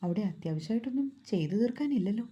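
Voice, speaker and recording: A woman voicing a tender, protective young husband in a storybook reading, speaking gently and soothingly. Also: medium pitch, expressive, fast talker, breathy edge, highs cut off.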